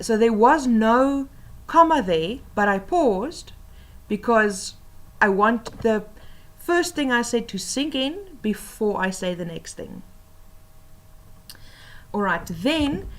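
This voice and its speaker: Slow, patient woman teacher. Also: fairly high pitch, big pitch swings. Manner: patient explanatory teaching with fillers and deliberate pauses. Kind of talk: recorded lesson on oral reading tips.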